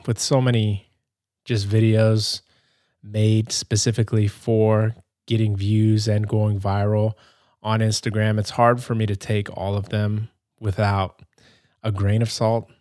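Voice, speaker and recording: A man hosting a podcast, talking casually and hesitantly while playing a game, with many pauses and restarts. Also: lowish voice, darkish tone, no room sound, studio quality. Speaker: podcast host. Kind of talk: casual gameplay commentary.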